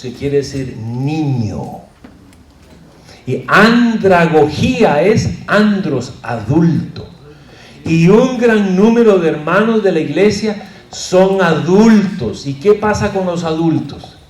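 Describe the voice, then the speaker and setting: Un hombre de voz aguda y muy expresiva, que sube y baja mucho el tono. Da una clase de predicación con bromas y preguntas al público. Se oye en una sala con bastante eco. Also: male voice, fairly high pitch. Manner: lively, jokey, asks the audience questions. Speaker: pastor teaching a preaching class. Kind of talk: humorous lecture. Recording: roomy echo.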